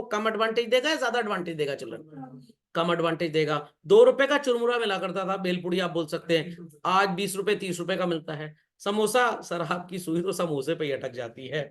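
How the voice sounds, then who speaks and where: A male commerce teacher with a high, somewhat bright voice delivers a classroom lecture. He jokes around, keeps calling the students children, and quizzes the class with quick questions as he goes.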